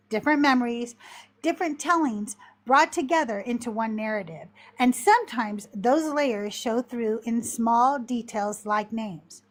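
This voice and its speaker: A woman hosting a live-streamed talk, explaining scripture in a measured, reflective way, a little short of breath. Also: on the high side. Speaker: podcast host teaching on scripture.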